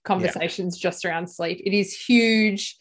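A woman's voice: mid-range voice, fairly even intonation, a little slow. A woman hosting a podcast interview, enthusiastic and affirming, later reading a closing outro. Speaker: podcast host.

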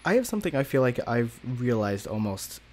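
Male podcast co-host, relaxed rambling talker who laughs often. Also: mid-range voice, brisk, a little hiss or hum. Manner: chatty, rambling, laughs easily. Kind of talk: casual chat.

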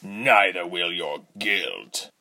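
A man's voice: deep voice, lively intonation, gravelly, sharp tone, heavily acted. A man playing a smug, scheming male villain commander who smirks and threatens. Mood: menacing. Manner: slow, smirking, menacing.

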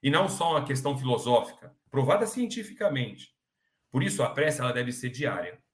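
A man's voice: mid-range voice, expressive, fairly quick. Earnest preaching man in echoey room. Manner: earnest, preachy, with joking asides. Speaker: spiritist program speaker. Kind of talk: informal religious teaching.

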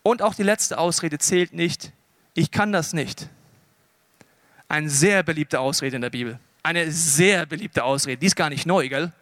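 Animated high-voiced preacher. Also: male voice, normal speed, hardly any pauses, dry recording, clean studio sound. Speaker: pastor. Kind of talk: sermon.

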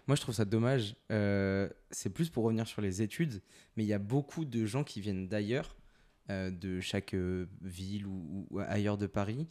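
A man's voice: lowish voice, moderate pace, mellow. A man hosting a podcast, chatting casually in slangy speech and asking his guests questions. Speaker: podcast host.

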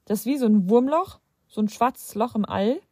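A woman's voice: a little high, normal speed, dark tone, husky, no room sound, clean studio sound. A young adult woman hosting a self-help podcast, talking straight to the listener in a reflective, conversational way with some hesitant restarts. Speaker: podcast host.

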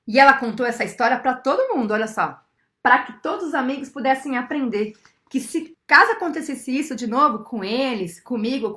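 A woman's voice: on the high side, sharp tone. A woman with a Brazilian accent reading a children's book aloud as a storyteller, talking directly to the children and asking them questions. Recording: roomy sound with faint ukulele.

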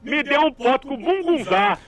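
A high, shrill Northeastern Brazilian doorman, as a man plays him bursts into quick exclamations and squealing repeated cries. His voice leaps up and down all the time in this radio comedy sketch. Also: very animated, a bit bright, full character voice. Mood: chatty. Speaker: doorman character.

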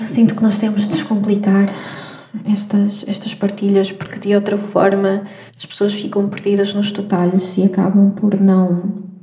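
A woman with a European Portuguese accent giving a slow, reflective spiritual astrology talk. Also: mid-range voice, level tone, mellow. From Madeira, Portugal. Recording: echoey room.

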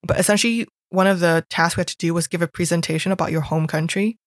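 Speaking fast with a steady tone, this young Hong Kong woman has a voice on the low side. She's a guest chatting casually about school, telling stories packed with "like." The recording is dry and studio-clean.

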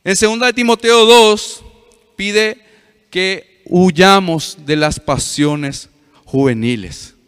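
A man's voice: sits high, takes it slowly, fairly bright tone, clear, resonant tone, big-room sound. A male pastor preaching to a youth meeting, telling a story with frequent questions to the audience.

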